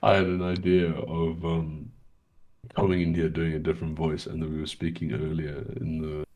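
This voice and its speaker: Low mellow english guy just chatting, laughs a lot, goes off on tangents. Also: flat delivery, normal speed. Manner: chatty, laughs often, rambles off topic. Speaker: guest. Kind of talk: casual chat.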